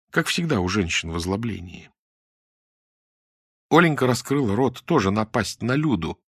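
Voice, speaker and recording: A man reading an audiobook, his narration lively and full of melodic movement. The delivery is expressive and dramatic, recorded close and completely dry. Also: medium pitch, breathy edge, no echo.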